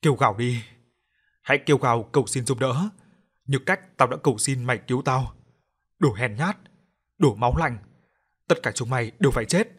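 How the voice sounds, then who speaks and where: A man voicing the vengeful ghost of a burned young woman in a horror audiobook, hoarse and furious. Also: mid-range voice, moderate pace, pauses often, a bit bright. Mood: menacing. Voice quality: hoarse, rasping fury.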